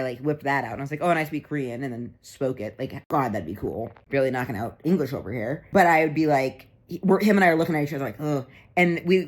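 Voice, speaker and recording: A woman in her thirties, a comedian vlogger, telling a rambling, animated story in a casual vlog, acting out the voices of the people in it. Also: low-pitched.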